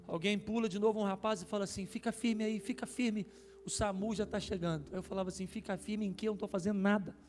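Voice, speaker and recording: A man's voice: high voice, fairly even intonation, quick pace. A man preaching as a pastor, telling a story with emotion and rising intensity at its peaks. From Brazil. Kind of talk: sermon testimony. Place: church hall. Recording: reverberant church hall with soft music.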